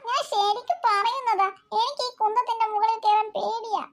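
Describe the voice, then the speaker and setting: A woman's voice: very high-pitched, fairly even intonation, moderate pace, a loud crowd. A woman voicing a timid little girl in a cartoon who whines and pleads. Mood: scared, whiny. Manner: whining, pleading. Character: timid whiny little girl, afraid of escalators. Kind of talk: cartoon voice acting.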